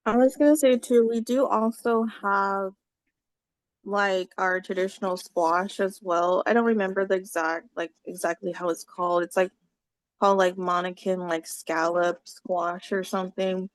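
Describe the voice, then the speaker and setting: A woman co-hosting a casual online gathering over a video call rambles and searches for words. Her voice is medium-pitched and steady at a normal speed, in a dry recording.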